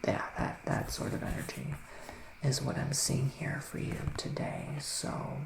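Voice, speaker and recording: In an ASMR roleplay, a man plays a soothing, earnest male witch psychic giving an improvised tarot reading, addressing the listener intimately. His mid-range voice is breathy and soft, completely flat in delivery, hushed and halting, often slipping into whispers. The recording has a roomy echo and faint background noise.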